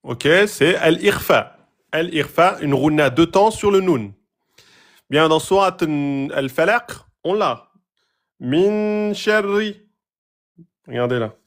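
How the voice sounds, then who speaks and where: A man teaching Quran recitation rules, patiently asking questions and repeating example words slowly. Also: fairly high pitch, animated. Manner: asks students rhetorical questions. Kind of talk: tajwid lesson, explaining a page.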